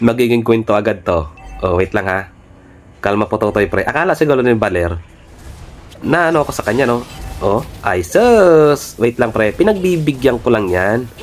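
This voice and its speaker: A man giving live commentary on his own gameplay, excitable and trash-talking, swearing often. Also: mid-range voice, moderate pace, long pauses, soft background music. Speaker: gaming streamer.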